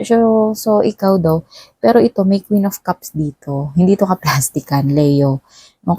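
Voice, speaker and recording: A woman's voice: low-pitched, mellow, slightly rough, dry recording. A woman from the Philippines giving a tarot reading straight to the viewer, chatty and full of tag questions. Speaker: tarot reader.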